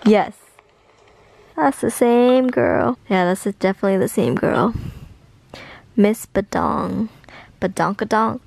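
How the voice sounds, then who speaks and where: A tired young woman talks slowly in a casual vlog, gushing and drawing out her words with affection. Her voice is gravelly and a little high, and the sound is close and dry. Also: a little mellow, no room sound. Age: young adult. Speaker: vlogger reading fan messages.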